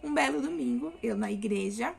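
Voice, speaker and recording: A woman's voice: fairly high pitch, expressive, moderate pace, creaky, a little hiss or hum. A young woman from Brazil, telling a personal story in a casual chatty way, full of fillers and self-corrections. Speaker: vlogger.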